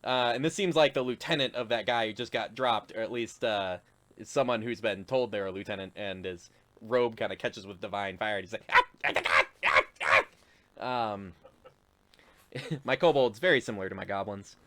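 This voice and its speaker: A man's voice: on the low side, a little fast, fairly bright tone. A man narrating as game master of a tabletop game, rambling with fillers and frequent chuckles.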